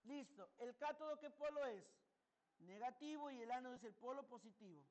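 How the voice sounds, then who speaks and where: Profesor de química con voz muy aguda. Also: male voice, extremely high pitch, animated, brisk, a little mellow. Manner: asks students questions then answers them himself. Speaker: chemistry teacher. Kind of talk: classroom lecture with questions to students. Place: classroom.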